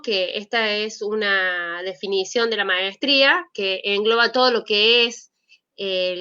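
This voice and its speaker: Bright-voiced Argentine woman lecturing online. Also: mid-range voice, clear, resonant tone. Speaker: ophthalmologist and medical lecturer. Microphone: video call. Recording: dull video-call audio.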